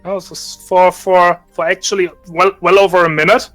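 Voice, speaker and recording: A man narrating a tabletop role-play session as game master, halting with many restarts and fillers. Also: high-pitched, flat delivery, pushed and bright, faint music behind.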